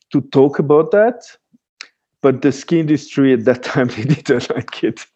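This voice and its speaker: A man's voice: on the high side, mellow, lo-fi sound. A man from Switzerland whose first language is French, a freeride skier speaking as a guest in a casual interview, with frequent restarts and fillers. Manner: hesitant, many restarts and fillers.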